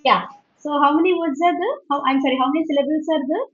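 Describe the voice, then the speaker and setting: A woman's voice: high voice, lively intonation, extremely slow. A woman teaching an online English grammar class, patient and questioning, often switching into English as she explains. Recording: dull lo-fi online call audio.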